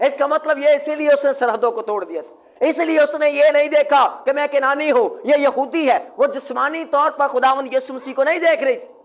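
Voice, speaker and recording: A man preaching with a very high-pitched voice, the pastor leading his flock through a sermon. He fires questions at the congregation and has them call the answers back, sometimes rising to a shout. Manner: call-and-response, quizzing the congregation; bursts into shouting.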